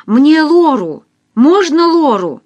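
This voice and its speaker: A woman reading an audiobook, voicing a panicked middle-aged man who shouts and pleads. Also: high-pitched, a little slow, pitched above the performer's own voice. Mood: frantic. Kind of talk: audiobook dialogue.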